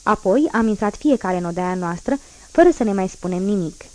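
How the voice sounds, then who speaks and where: A woman narrating a classic novel as an audiobook, in a measured, even reading voice. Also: medium pitch.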